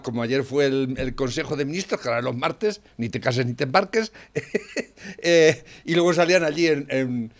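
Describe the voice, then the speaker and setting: Man, Spanish accent, blunt swearing rant in casual talk, rises to near shouting. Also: a little high. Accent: Spanish from Spain. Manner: blunt, swears freely, rants loudly with frequent "¿eh?". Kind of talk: casual political chat.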